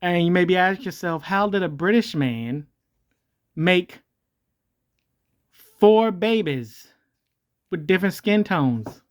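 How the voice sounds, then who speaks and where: Here the host talks slowly and expressively, pausing often, while a voice changer shifts and morphs their voice. The commentary is rambling and comedic, full of jokes and self-corrections, and the pitch leaps about.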